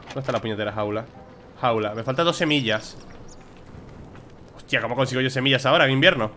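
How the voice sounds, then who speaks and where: Bright-voiced Spanish gamer muttering along. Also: male voice, mid-range voice, fast, a little hiss or hum. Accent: Spain Spanish. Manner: talks to himself, grumbling and exclaiming. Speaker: gameplay streamer. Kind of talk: casual gameplay commentary.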